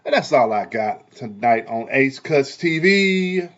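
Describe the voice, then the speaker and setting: A man who is a parent and a barber, talking heatedly in a casual commentary vlog, repeating himself in a preachy way and swinging between loud and soft. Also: mid-range voice, expressive, unhurried, muffled recording. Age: adult parent. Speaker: vlogger and barber.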